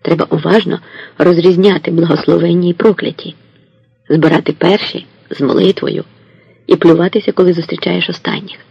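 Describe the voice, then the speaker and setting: A man narrating an audiobook in a steady, unhurried storytelling voice. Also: fairly high pitch, vocal fry, breathy edge, no room sound, muffled recording.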